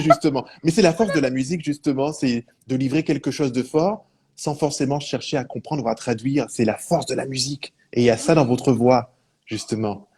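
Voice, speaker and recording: A man's voice: medium pitch, slightly rough. A man hosting a live interview, heaping praise and leaning often on the same filler words. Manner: warm praise, repeats words like "justement". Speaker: interviewer host.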